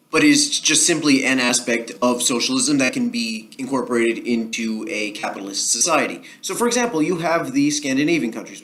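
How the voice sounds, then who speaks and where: A man's voice: mid-range voice, a bit bright. Rambling argumentative man with Jersey accent. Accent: New Jersey. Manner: rambling, argumentative, with frequent ums and restarts. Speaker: political commentary vlogger. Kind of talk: casual solo commentary.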